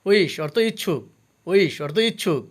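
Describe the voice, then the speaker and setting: Teacher guy, fairly high voice, says each word twice, careful and slow. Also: expressive, breathy edge. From Bangladesh. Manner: slow, careful drill with pronunciation notes. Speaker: English teacher. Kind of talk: vocabulary lesson, repeating each word twice.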